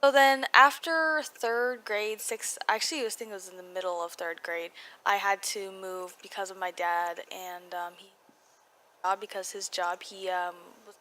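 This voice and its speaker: This young Californian video blogger has an American accent and a mid-range voice, slightly muffled from her braces. Her casual vlog voice-over is steady, sharp in tone and moderately paced, rambling along with self-deprecating interruptions. There's slight background noise.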